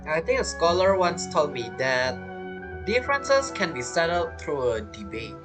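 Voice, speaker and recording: Low-voiced, animated woman streamer. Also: unhurried, over music. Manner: chatty, talks back to the characters. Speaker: game streamer. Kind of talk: casual reactive gameplay commentary.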